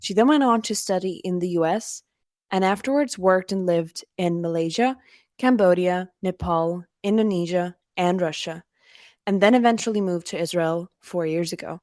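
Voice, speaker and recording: A woman hosting a podcast, reading a measured introduction and asking questions clearly. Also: fairly low pitch, a little mellow, no room sound, clean studio sound. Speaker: podcast host. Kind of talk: scripted intro and interview questions.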